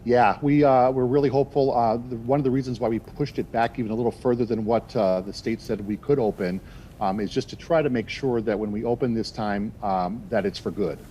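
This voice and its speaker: A man's voice: medium pitch, a little fast, mellow, highs cut off, slight background noise. A man appearing as a guest on a TV interview, answering in a hesitant way with many fillers and restarts. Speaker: theater executive, guest.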